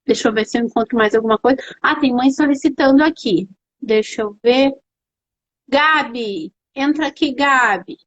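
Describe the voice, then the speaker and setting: A young adult woman with a Brazilian accent hosting a live stream as an educational psychologist, explaining parenting tips to viewers in an animated, direct way. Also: a little high, moderate pace, lo-fi sound. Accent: Brazilian Portuguese. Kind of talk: casual live-stream advice talk.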